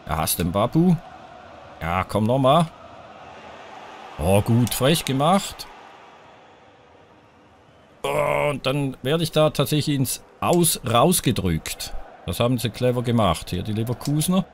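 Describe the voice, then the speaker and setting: A man's voice: mid-range voice, expressive, a little slow, pauses often, a little hiss or hum. A man commenting live on his own football video game, cheering and groaning at each chance and talking to his viewers. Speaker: gaming YouTuber playing a football video game. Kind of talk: live let's-play commentary.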